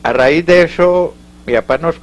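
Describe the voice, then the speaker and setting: A slightly high-pitched older Colombian man with a Paisa accent tells local stories for an oral history interview, captured on a low-quality recording. His speech rambles and halts, full of restarts and asides.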